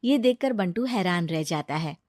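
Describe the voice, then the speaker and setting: Narrating a scripted story with a moral, a woman keeps a steady, even pace at normal speed and a middle pitch. The sound is close and dry, with no room sound.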